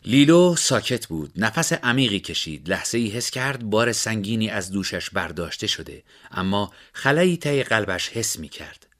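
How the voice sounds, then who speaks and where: A man narrating a story in a steady, measured way. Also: on the low side.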